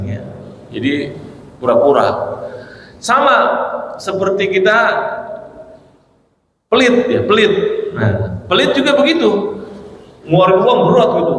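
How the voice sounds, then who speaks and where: Man, Islamic preacher, casual dawn sermon, high voice, faint background hum. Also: unhurried, pauses often. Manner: relaxed, conversational, with tag words. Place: mosque hall. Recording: echoey hall with faint noise.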